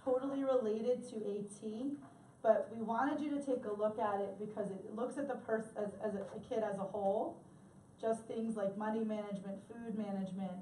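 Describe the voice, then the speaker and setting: A woman's voice: medium pitch, steady tone, normal speed, dark tone, slight background noise. A woman presenting an assistive technology workshop, conversational and chatty with fillers. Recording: echoey room, mic far off, faint ambience.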